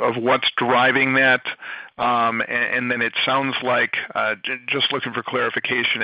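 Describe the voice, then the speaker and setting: A man's voice: mid-range voice, dry recording. A male financial analyst asking polite, searching questions with many fillers on an earnings call. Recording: muffled dry phone audio.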